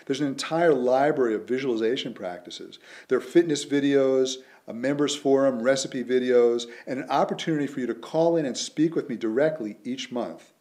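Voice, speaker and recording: A man, an author, delivering a scripted promotional pitch in an earnest, persuasive way. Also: moderate pace, hardly any pauses, mellow. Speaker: author promoting his method.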